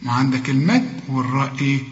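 A man with an Egyptian accent teaching Quran recitation rules, saying each word slowly and then explaining and correcting. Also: mid-range voice, noisy background. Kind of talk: tajweed lesson. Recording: echoey room with long reverb, dull lo-fi sound.

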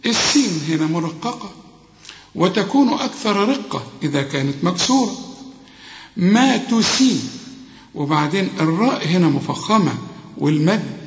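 A man with an Egyptian accent teaching tajweed, who patiently slows down to model each word for a learner. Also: a little high. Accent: Egyptian Arabic. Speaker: Quran recitation teacher. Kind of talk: tajweed lesson. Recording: echoey reverberant room, dull lo-fi sound.

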